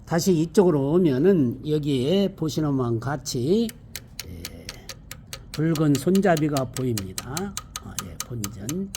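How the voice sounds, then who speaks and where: A man giving an unscripted hands-on car maintenance demonstration, explaining step by step in a halting, repetitive way. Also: mid-range voice, mellow. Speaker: presenter of a car maintenance how-to video. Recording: amateur recording with background ambient noise.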